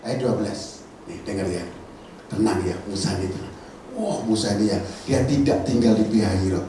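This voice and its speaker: A man preaching a lively sermon as a pastor, acting out characters in playful voices. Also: lowish voice, a little fast, slight background noise. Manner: animated, acts out Bible characters in voices. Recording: echoey church hall, mic at a distance.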